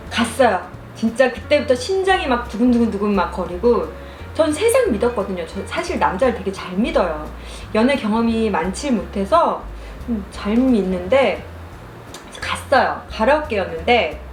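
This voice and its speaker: Animated higher-voiced woman chatting while eating. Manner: animated storytelling, acts out quoted lines. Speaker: mukbang vlogger. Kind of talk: casual storytelling over food and drink. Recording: roomy echo, music behind.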